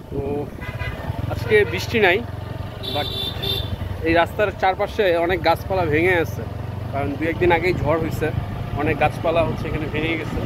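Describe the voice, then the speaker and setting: In a very noisy clip, a Bangladeshi man with a fairly high voice walks outdoors through village paths and tea gardens. As a travel vlogger, he chats in a relaxed way, slipping English words into his narration.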